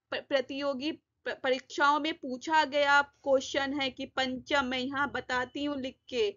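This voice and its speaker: A woman's voice: sits high, pushed and bright, lo-fi sound. A woman teaching an exam-prep grammar lesson, asking herself questions and answering them, addressing her students fondly. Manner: repeats and quizzes herself, addresses children fondly.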